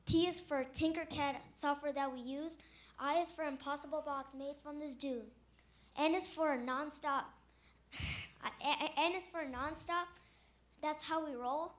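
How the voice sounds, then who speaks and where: A young woman from Virginia playing a talent show contestant in a student skit. She recites rhymes in a high voice, halting now and then. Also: steady tone.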